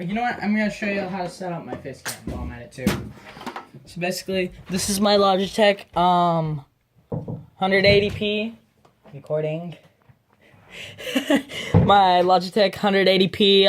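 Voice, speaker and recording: A channel host films on a phone camera in a small room, casually rambling through his computer desk setup. Chatty and meandering, he trails off mid-sentence, his voice at medium pitch with slight background noise.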